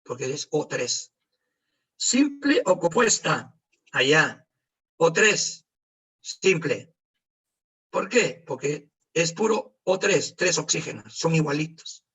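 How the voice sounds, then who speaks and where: A man teaches an online chemistry lesson, firing questions at his students and answering them himself with joking asides. His voice sits a little high and sounds husky. The call audio is distant, as if he is set back from his computer mic. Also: very animated, slow, pauses often, bright, forceful tone. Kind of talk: online class lecture. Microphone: computer mic on a video call.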